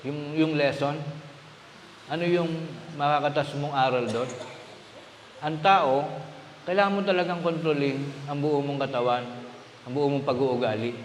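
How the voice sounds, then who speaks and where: Fairly high-voiced preacher guy from bulacan, chatty teaching sermon, long hall echo with faint ambience behind. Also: fairly even intonation, measured pace, pauses often, slight background noise. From Bulacan, Philippines. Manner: conversational teaching with rhetorical questions. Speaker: minister. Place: church hall. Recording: echoey hall with long reverb.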